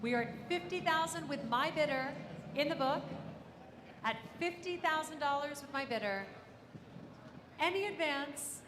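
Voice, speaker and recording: Casting: woman as live auctioneer, high-pitched, repeating bids across a noisy, echoing hall. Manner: auctioneer's repetitive bid calling. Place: large auction room. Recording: echoey hall, ambient noise.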